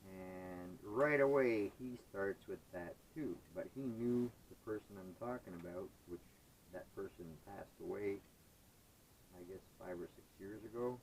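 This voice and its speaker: A man's voice: low voice, measured pace, slight background noise, poor audio. A man, chatting casually and rambling with hesitant fillers while he sorts scrap metal. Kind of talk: casual chat while working.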